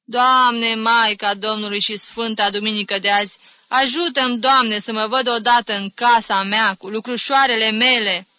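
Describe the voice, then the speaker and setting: A woman's voice: a little high, fairly even intonation, bright, forceful tone, clean tone, no echo, pitched above the performer's own voice. A woman voicing an elderly complaining aunt who exaggerates her aches with theatrical groans. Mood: plaintive. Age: older. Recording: dry close studio reading.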